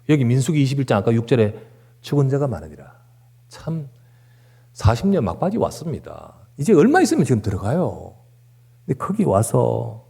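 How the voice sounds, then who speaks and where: A man's voice: a little high, mellow, husky. A man preaching a sermon as pastor, emphatic, with rhetorical questions and repeated words. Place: church sanctuary.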